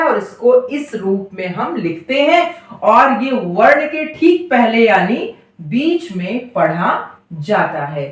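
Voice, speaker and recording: Slow, high-voiced woman teacher in an echoey room. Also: fairly bright tone. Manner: asks questions and repeats answers, stretches example words. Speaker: Hindi teacher. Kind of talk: slow classroom explanation. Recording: very echoey, voice from a distance.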